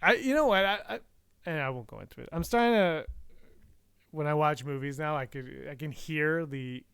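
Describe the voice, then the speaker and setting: A man chats as a podcast co-host, laughing easily, mocking himself and drifting off topic. His voice is a little high and clean. The recording is dry and close. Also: lively intonation, moderate pace, vocal fry, a bit bright, smooth, no echo. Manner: laughing, self-deprecating, wandering off topic. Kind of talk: casual livestream chat.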